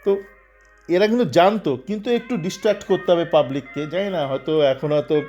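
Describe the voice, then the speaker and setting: A man's voice: fairly high pitch, a little fast, a little mellow, highs cut off, soft background music. A man giving a casual, sarcastic commentary on football, rambling with many fillers and acting out quotes in agitated voices.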